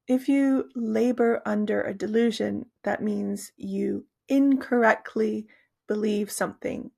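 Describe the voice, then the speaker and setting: An English teacher with a hoarse, gravelly voice goes through story vocabulary at a patient, explanatory pace. Her husky, rough tone sits a little high for a woman, and she often pauses and restarts while explaining.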